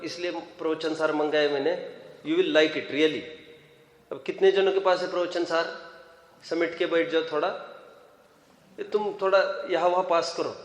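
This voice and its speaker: Male religious teacher, high voice, long reverb, conversational lecturing. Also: a bit bright. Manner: conversational, quizzes students, mixes in English phrases. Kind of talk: scripture class lecture. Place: classroom or hall with students. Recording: echoey hall, long reverb.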